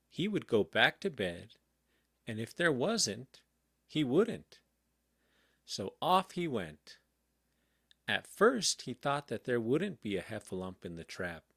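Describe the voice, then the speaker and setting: A man reading a children's storybook aloud in a calm, gentle bedtime manner. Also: mid-range voice, no room sound, clean studio sound. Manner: slow, gentle, very expressive. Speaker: audiobook reader.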